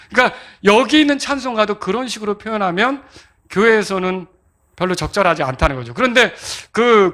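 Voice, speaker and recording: A man preaching to his congregation about how hymns should be sung, stopping often to quiz his listeners and sound out beats himself. His voice sits high and carries a bright, ringing edge. He explains like a patient teacher at the pulpit. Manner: interactive, asks congregation to clap and answer; sings out beats to demonstrate rhythm. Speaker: pastor. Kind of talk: sermon teaching on hymn rhythm.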